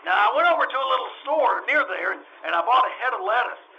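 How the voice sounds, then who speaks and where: This radio troupe stage actor takes on the role of a folksy, flustered animal-show owner, old-time radio drama style, rambling and stammering through repetitions. His pitch is extremely high, with lively intonation, a quick pace, vocal fry, and an exaggerated delivery. The mood stays earnest and chatty, and the lo-fi recording of this live radio re-enactment carries faint noise.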